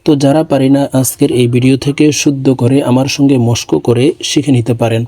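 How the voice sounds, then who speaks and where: A man's voice: mid-range voice, steady tone, mellow, no room sound. Man spelling out a Quran lesson. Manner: spells letters and vowel marks slowly, then recites drawn-out and melodic. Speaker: Quran recitation teacher.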